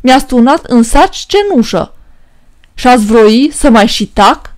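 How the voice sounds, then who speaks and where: A woman's voice: fairly high pitch, lively intonation, darkish tone, natural voice. A woman voicing a bold, mocking young male peasant trickster in a storybook reading. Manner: mocking, bold and quick-witted.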